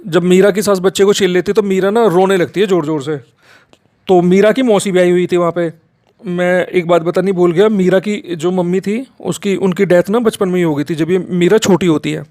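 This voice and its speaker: A man's voice: sits high, steady tone, moderate pace, darkish tone, no room sound, studio quality. A man telling a horror story in casual spoken style, rambling with fillers and correcting himself as he goes.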